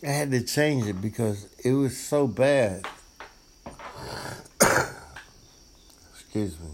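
A man with a smoker's rasp chatting casually and informally to his followers as host of his own show. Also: mid-range voice, expressive, normal speed, darkish tone, slight background noise. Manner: informal, repeats himself, addresses listeners directly.

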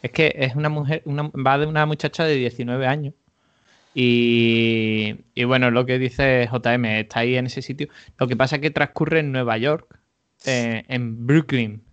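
A man's voice: medium pitch, steady tone, moderate pace, a bit bright, smooth, lo-fi sound. A man co-hosting a podcast in casual chat, enthusiastic and slangy. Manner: enthusiastic, says "tío" a lot. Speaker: podcast co-host.

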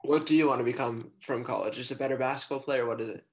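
A man from San Francisco with an American accent hosts a casual interview podcast and asks the questions. He speaks fast at a medium pitch.

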